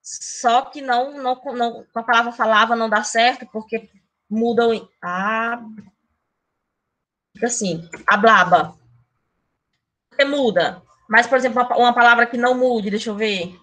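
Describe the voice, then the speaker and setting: Calling herself "a tia," this online Spanish teacher chats with her class in a teacherly way over a computer microphone. Her voice sits on the high side and runs at a normal pace, picking up speed whenever excitement takes over.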